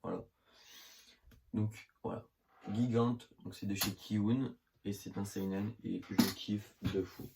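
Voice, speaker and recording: A man's voice: on the low side, steady tone, slow. A young man from the north of France with a northern French accent, chatting casually about his manga collection, rambling with lots of fillers and slang. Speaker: manga vlogger. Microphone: phone camera. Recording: phone recording with faint hiss.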